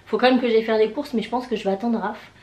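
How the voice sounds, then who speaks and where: Hoarse woman with a swollen-tonsils voice, echoey room. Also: a little high, fairly even intonation, very fast, a little mellow. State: sick with tonsillitis, hoarse, voice mostly gone. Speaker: vlogger. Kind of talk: casual vlog chat. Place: indoors, bedroom. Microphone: camera on a tripod.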